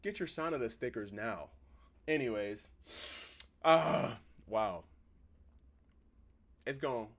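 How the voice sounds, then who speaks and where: A man giving casual, loud, expressive reaction commentary while playing a game, full of slang and laughter. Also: mid-range voice, takes it slowly, gravelly, pauses often. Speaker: gaming streamer.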